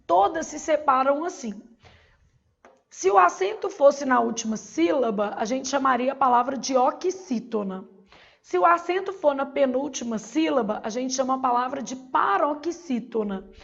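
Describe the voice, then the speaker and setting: A woman's voice: high voice, lively intonation, normal speed, gravelly, highs cut off. A Brazilian woman teaching a Portuguese exam-prep lesson, asking questions and answering them herself. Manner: didactic, asks and answers her own questions.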